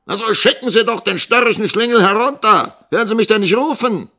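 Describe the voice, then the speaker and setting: A man voicing a brutal male schoolmaster who shouts in a high, strained voice. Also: fairly quick, exaggerated voice. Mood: bellowing.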